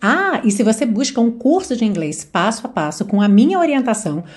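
A woman leads a podcast English lesson. Her voice sits slightly high, and she explains things patiently, stretching the English example phrases slowly so listeners can follow. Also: sing-song, a little mellow. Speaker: English teacher.

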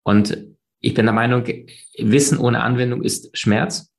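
A man's voice: medium pitch, steady tone, measured pace, vocal fry. A man talking expansively and emphatically as an interview guest, with many fillers and restarts. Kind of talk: conversational interview.

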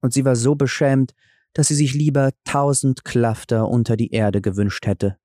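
A man narrating a fairy tale audiobook in a calm, measured storytelling manner. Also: mid-range voice, no echo, studio quality.

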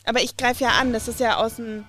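A woman's voice: on the high side, level tone, fast, pushed and bright. A woman playing in a tabletop game, direct and eager, counting her dice rolls aloud. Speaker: player. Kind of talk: casual tabletop play.

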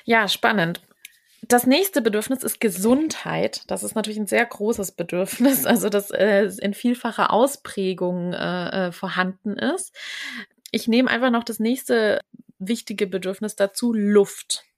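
Gravelly woman hosting an earnest chat. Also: mid-range voice, unhurried. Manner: earnest, emphatic, repeats words while searching. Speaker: podcast host. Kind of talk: casual conversation.

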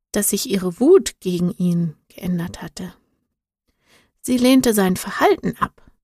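Female storybook narrator, calm and measured, unhurried delivery. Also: medium pitch, no echo, clean studio sound. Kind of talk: storybook reading.

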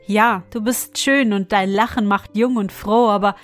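A woman's voice: mid-range voice, steady tone, unhurried, faint music behind, lightly acted. A woman doing an earnest young prince. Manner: earnest, pleading.

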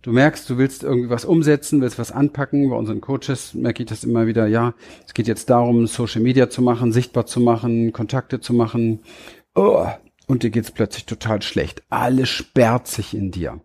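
Male coach trainer, motivational talk, low mellow voice with some fry, direct address, deliberate pacing. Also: steady tone. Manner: addresses listener directly, frequent tag questions.

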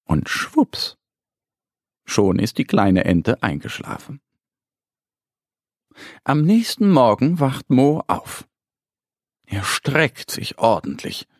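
A man narrating a children's bedtime story, gentle and calm. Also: mid-range voice, slow, pauses often, no room sound, clean studio sound.

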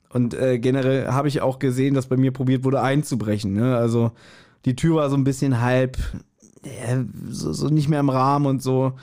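A man's voice: mid-range voice, a little mellow. A man co-hosting a casual podcast, telling stories in a chatty way and often acting out quotes. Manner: chatty storyteller, acts out quotes. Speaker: podcast co-host.

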